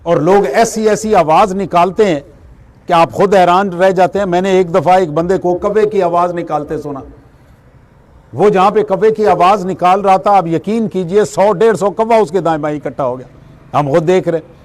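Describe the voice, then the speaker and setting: A man's voice: high voice, darkish tone. A man giving a spiritual lecture. He explains everyday examples and asks and answers his own questions. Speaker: religious speaker.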